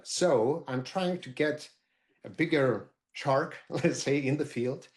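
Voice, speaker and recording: A middle-aged man, speaking as a marketer on a group video call, halting with many fillers and restarts. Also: mid-range voice. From Lithuania. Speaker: roundtable participant, marketer.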